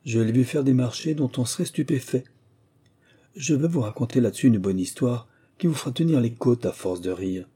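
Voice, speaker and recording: A proud, sharp-tongued mother scolds her household with open scorn, as a man reading aloud puts her on. Her voice stays dark and husky, the tone indignant and cutting. It is a storybook reading. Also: medium pitch, animated, brisk.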